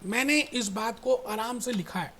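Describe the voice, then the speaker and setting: A man teaching an accounting lecture, who explains through animated storytelling, repeats his points and addresses students fondly as "beta". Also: extremely high pitch, a little slow, a little hiss or hum. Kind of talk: recorded classroom lecture.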